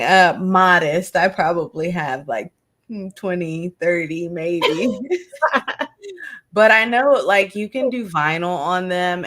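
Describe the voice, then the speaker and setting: A woman's voice: lowish voice, fairly bright tone. A woman co-hosting a craft livestream in casual chat, rambling and self-deprecating.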